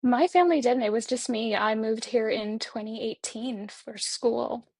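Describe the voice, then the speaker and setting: A woman's voice: fairly high pitch, gravelly, darkish tone, husky, no echo. A young woman from northern Bangladesh, a Bangla speaker, chatting as a podcast guest in a friendly, giggly way. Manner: friendly, giggly, quick, trailing asides. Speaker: guest, writer. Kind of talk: casual interview chat.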